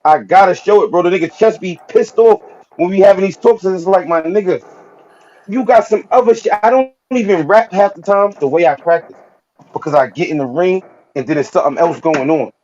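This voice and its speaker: A guest battle rapper from Brooklyn, New York, talks in a casual podcast chat, emphatic and loaded with street slang, repeating "you feel me" again and again. His voice is high-pitched and brisk with a darkish tone, and the recording sounds muffled.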